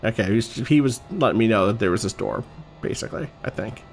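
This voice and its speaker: A man's voice: on the low side, animated, quick pace, music in the background. A man hosting a podcast, giving casual let's-play commentary in a laid-back, joking way. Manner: laid-back and joking, with beeping droid noises. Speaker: podcast host playing a video game.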